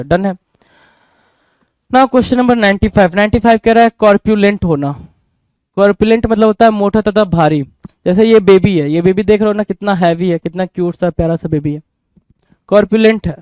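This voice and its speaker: A man's voice: high-pitched, a little mellow, smooth, no echo. An Indian man teaching an exam-prep vocabulary lesson, asking questions and answering them himself, repeating each word as a drill. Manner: repetitive, drilling.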